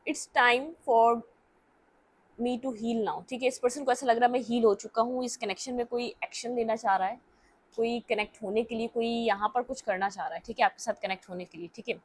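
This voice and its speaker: A young woman with a fairly high, darkish voice speaks quickly and evenly as she gives her viewers a casual tarot reading. She's talkative, thinking out loud, checking in often with "okay" and "theek hai" and sprinkling in English words.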